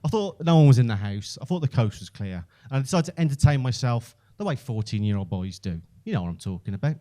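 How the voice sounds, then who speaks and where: A stand-up comedian from Birmingham, England, with a Brummie accent, tells conversational, self-deprecating, sweary stories. His mid-range voice is animated, quick-paced and mellow.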